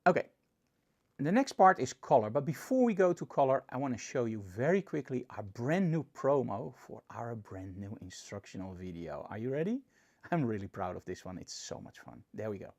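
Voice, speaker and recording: A male photography instructor with a Dutch accent talks through a tutorial. He explains with enthusiasm, his voice rising and dropping as he makes each point. The pitch sits in a middle range. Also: sing-song, moderate pace, vocal fry, a little mellow. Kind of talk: presentation tutorial.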